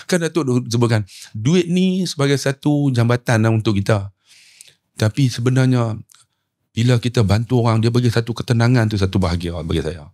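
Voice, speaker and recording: A middle-aged man with a Malaysian Malay accent, a preacher telling a story on a talk show with lively, swinging pitch and acted-out dialogue. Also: fairly quick. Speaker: preacher and umrah tour guide.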